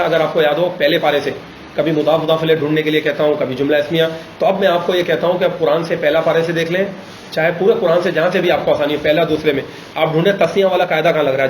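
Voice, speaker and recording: Man teaching grammar, quizzing students, slightly high voice, echoey room, faint hiss. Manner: patient, corrective, quizzing students. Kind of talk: Arabic grammar class.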